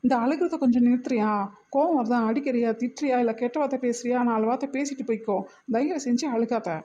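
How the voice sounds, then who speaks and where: A woman voicing a calm, protective young man in a cartoon, talking in a patient, gently scolding way. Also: a little high, fast, highs cut off, slight background noise, natural voice. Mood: pleading, exasperated. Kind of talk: cartoon voice acting.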